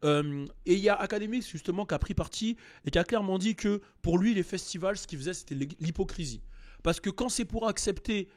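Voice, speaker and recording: A man hosting a casual rap commentary, animated and digressive, jumping into raised voices to act out what people said. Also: high voice, a little fast. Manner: digressive and joking. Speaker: host.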